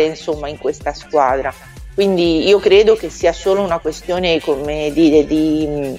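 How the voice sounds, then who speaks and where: Low-voiced woman over a phone call. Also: darkish tone. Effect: heard over a phone or internet call. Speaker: football pundit calling in. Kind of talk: call-in sports talk.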